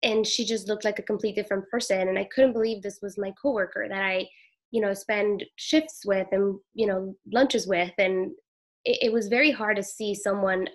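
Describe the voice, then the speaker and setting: In an interview, a middle-aged Peruvian woman who works as an emergency room nurse gives a halting, soft-spoken personal account. Her voice sits in the mid range and her tone stays steady.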